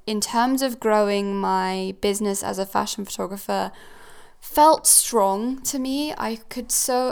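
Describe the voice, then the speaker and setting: Young woman podcasting from home, smooth voice with a lot of fry, lots of ums. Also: medium pitch. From Switzerland. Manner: chatty, with frequent ums and self-corrections. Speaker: podcast host. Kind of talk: casual solo podcast talk. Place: new house.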